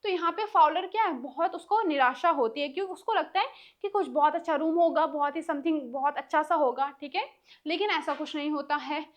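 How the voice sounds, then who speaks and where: High-pitched female tutor explaining a textbook story in a Hindi-English mix, reading slowly and glossing casually. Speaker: English teacher.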